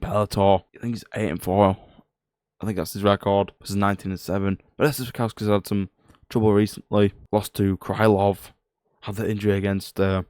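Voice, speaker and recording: Young roadman guy doing fight picks, talks quick, lowish voice, sweary and fed up. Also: no echo, studio quality. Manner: flat, low-energy, grumbling. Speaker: MMA prediction video host. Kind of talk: casual fight commentary.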